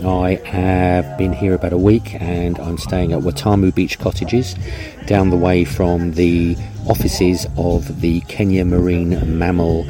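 A man's voice: low voice, little pitch movement, a little slow, music in the background. A man recording a casual, wry podcast diary with a towel over his head, chatty and understated, slightly muffled. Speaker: podcast host. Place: exposed wooden beach shack, under a towel.

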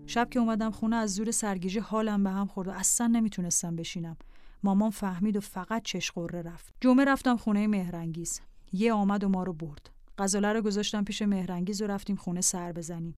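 Calm woman reading a diary aloud. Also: medium pitch, dry recording, studio quality. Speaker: narrator. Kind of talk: scripted memoir narration.

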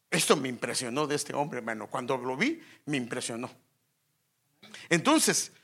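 A preacher delivering a sermon with a husky, forceful voice whose pitch swings widely. The delivery is emphatic and speaks straight to the congregation, often with rhetorical questions. It rises and presses on key points. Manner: lively, emphatic.

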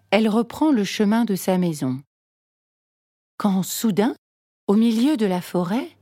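A woman reading a children's storybook aloud in a calm, measured way. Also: medium pitch, no room sound, studio quality. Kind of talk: storybook read-aloud narration.

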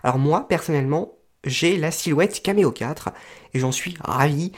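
A man explaining crafting tools casually to his viewers, hesitant and pausing often to search for words. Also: a little high. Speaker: crafting video creator. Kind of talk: casual explanatory talk to camera.

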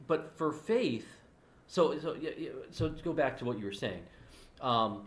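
A man's voice: mid-range voice, animated, unhurried. Earnest man explaining faith. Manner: earnest, explanatory, with frequent restarts. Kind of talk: casual theological discussion. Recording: roomy echo.

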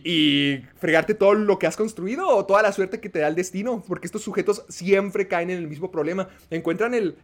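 A man with a Mexican accent, a podcast host giving a rambling, casual film review with many fillers. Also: on the high side.

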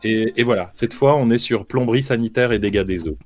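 A man's voice: mid-range voice, brisk, darkish tone, faint music behind. A man hosting a casual show, making spontaneous announcements in a hesitant way, repeating words as he goes. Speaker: show host.

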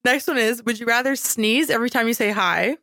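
A woman's voice: a little high, brisk, pushed and bright, no room sound. A young woman co-hosting a podcast, reading out game questions and dropping dry wisecracks. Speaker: podcast co-host. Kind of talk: casual chat.

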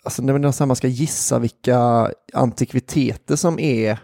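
Man with a gravelly, dark voice. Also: mid-range voice, no room sound, studio quality. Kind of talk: casual podcast chat.

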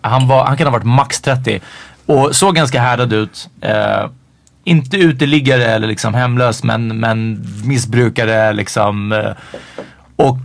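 A man's voice: medium pitch, vocal fry, no room sound. Man telling a story with animation. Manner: animated storytelling, mixes English slang. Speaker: podcast co-host. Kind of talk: casual chat.

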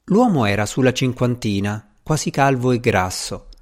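Man, audiobook narrator, measured storytelling, mid pitch, animated intonation. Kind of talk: scripted narration.

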